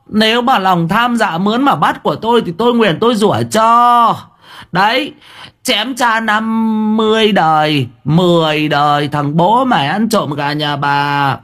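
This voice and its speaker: A man's voice: sits high, measured pace, a bit bright, pitched above the performer's own voice. A man voicing a village wife who rants rhythmic curses at a chicken thief, reading an audio story. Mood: furious cursing.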